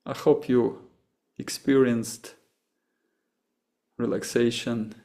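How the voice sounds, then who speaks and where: A man from Russia with a Russian accent, a meditation teacher answering questions after a session, halting and often restarting as he searches for words. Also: medium pitch, steady tone, darkish tone.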